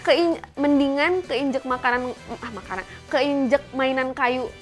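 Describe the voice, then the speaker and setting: High-voiced woman hosting a podcast. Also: soft background music. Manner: mixes English phrases into Indonesian, quick affirmations. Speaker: podcast host. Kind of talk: casual interview chat.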